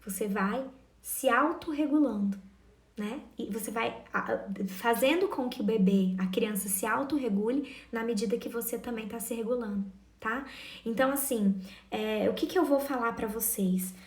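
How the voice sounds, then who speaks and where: A woman's voice: fairly high pitch, moderate pace, roomy sound. A woman, giving earnest parenting advice and speaking directly to her listeners. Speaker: parenting educator. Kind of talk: casual advice talk to parents.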